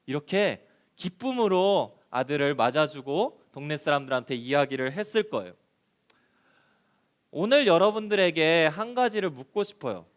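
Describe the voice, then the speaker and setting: A man gives a children's sermon as a lively story. He asks the kids questions as he goes. His voice is high and smooth, with a clear tone. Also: normal speed. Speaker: children's pastor.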